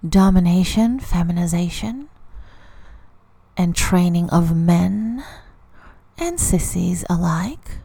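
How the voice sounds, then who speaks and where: A woman's voice: medium pitch, vocal fry, warm tone, slightly rough, no echo. A woman reading a recorded phone-line ad in an intimate manner, often dropping into whispers. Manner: intimate, slow, drifting into whispers. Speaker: advertiser.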